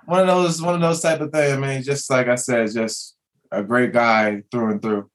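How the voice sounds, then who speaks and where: Young adult man, former athlete guest, halting and full of fillers. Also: medium pitch, fairly even intonation. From Maryland, USA. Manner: halting, many restarts and fillers. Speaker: guest, former basketball player. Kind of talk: casual podcast chat.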